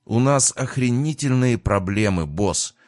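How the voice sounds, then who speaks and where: A man's voice: lowish voice, very animated, normal speed, no room sound, studio quality, voice pushed up. A man doing a brash foul-mouthed hacker. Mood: urgent.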